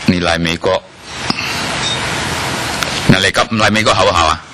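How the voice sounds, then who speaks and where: A man's voice: low voice, normal speed, background noise. A man preaching a sermon to a congregation, often asking them questions and dropping in "ah" fillers. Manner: lively, asks the congregation questions, many "ah" fillers.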